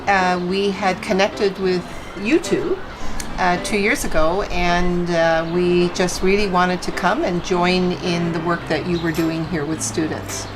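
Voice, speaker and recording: A woman's voice: on the low side, poor audio. A woman from Newfoundland, Canada, chatting as a volunteer guest in an interview, talking freely with lots of uh fillers. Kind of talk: casual interview chat. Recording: loud background music bed.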